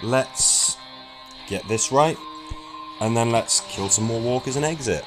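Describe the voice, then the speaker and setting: A man's voice: medium pitch, measured pace, poor audio. A man chatting casually as he plays a strategy game, thinking aloud with small restarts. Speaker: gaming streamer. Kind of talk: casual let's-play commentary. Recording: game music playing behind.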